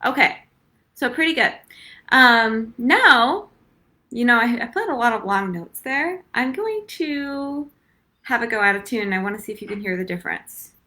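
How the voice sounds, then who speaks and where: A woman's voice: on the high side, animated, moderate pace, sharp tone. A young woman giving a casual live-stream flute lesson, chatty with many ums and easy laughs. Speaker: flute teacher.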